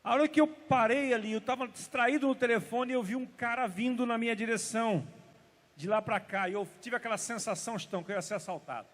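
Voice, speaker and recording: A pastor with a strikingly high voice delivers an Easter sermon, shifting between emphatic declarations and hushed storytelling. His words ring out with a long reverb trailing behind them, as in a large church hall. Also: quick pace. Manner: storytelling, emphatic, drops to hushed tones for drama. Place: church service.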